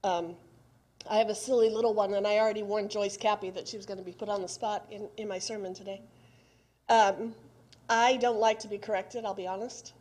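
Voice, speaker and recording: A woman's voice: mid-range voice, steady tone, a little fast, darkish tone. A middle-aged woman, preaching a sermon in a conversational way and putting questions straight to the congregation. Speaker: pastor.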